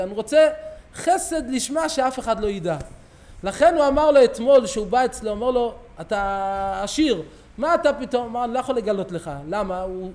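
A rabbi's sermon in a synagogue, delivered by a middle-aged man with a strikingly high voice. He tells stories lively and acts out each character's lines as he goes. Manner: animated storyteller, acting out quoted dialogue. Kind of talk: sermon with storytelling.

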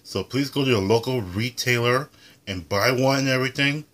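A man's voice: mid-range voice, normal speed, fairly bright tone. A young adult man hosting a casual food review from his home kitchen, talking like a show announcer. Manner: announcer-like, refers to himself in third person.

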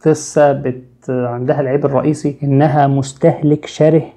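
Young Egyptian male tech host, quick, gravelly, slangy and joking. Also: medium pitch, little pitch movement, mellow. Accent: Egyptian Arabic. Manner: joking, chatty, addresses listener with street slang. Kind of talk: comic tech explainer.

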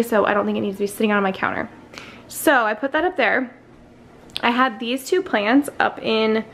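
A young woman vlogger chatting casually as she bakes and tours her home kitchen, rambling with plenty of fillers. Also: a little high. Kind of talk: casual cook-with-me narration.

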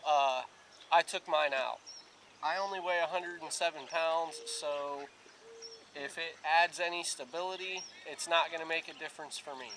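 Standing outside in a grassy lakeside yard, a vlogger in his thirties talks plainly and casually, walking through things step by step. His fairly high, even voice comes across pushed and bright at normal speed, picked up by a camera a few feet away along with clear background noise.

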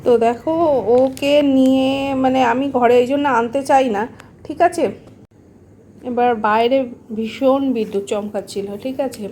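A woman's voice: sits high, steady tone, normal speed, a little hiss or hum. A woman chatting casually at home while filming her pets on a phone, often checking in with the viewer. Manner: coos softly to the pets. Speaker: pet vlogger. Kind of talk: casual home vlog chat. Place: home indoors.

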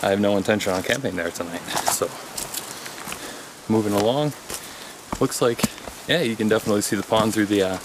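A man in his thirties with a lowish voice talks briskly and pauses often against a noisy background. He's vlogging his hike on a forest trail, speaking casually and thinking aloud into an action camera on a handheld pole.

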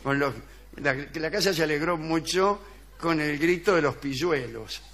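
A man with an Argentine accent telling an absurd story deadpan on a comic radio sketch, acting out the voices he quotes and chuckling. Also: fairly high pitch, normal speed.

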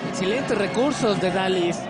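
A man's voice: high-pitched, moderate pace. A man analysing a live match as a wrestling color commentator. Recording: noisy arena broadcast with loud crowd.

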